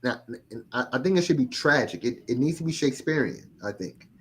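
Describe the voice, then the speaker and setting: Man, casual podcast chat, animated delivery, lively swooping pitch, mid-range voice, salty language. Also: fairly quick, slight background noise. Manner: animated, swearing, acts out quotes.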